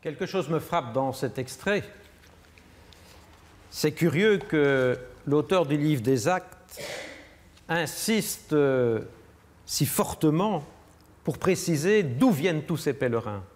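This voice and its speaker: A man preaching a measured, reflective sermon in a church. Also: on the high side, lively intonation. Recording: long church reverb.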